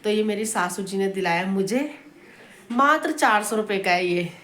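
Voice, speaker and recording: A woman's voice: mid-range voice, normal speed, a bit bright. A young woman, chatting casually and at length in a home vlog, recorded on a phone with faint household noise. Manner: chatty, rambling, scolds a toddler between remarks. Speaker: vlogger.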